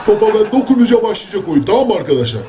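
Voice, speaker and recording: A man's voice: sits high, big pitch swings, racing, crowd noise. A man voicing an eager, slangy buddy dog in a comedy voice-over of pet videos. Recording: voice-over with loud background music.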